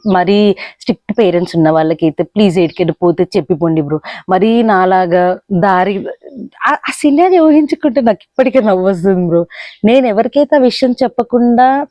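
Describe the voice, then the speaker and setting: A woman's voice: mid-range voice, mellow, no room sound, muffled recording. Chatty young woman with a lilt. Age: young adult. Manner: chatty, mixing English into Telugu, fond of "like" and "bro". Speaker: vlogger. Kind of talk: casual storytelling.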